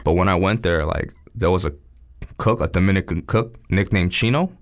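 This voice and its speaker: A man's voice: low voice, normal speed. A man, a chef as a guest, telling stories in a loose, laid-back way full of fillers. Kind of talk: casual chat.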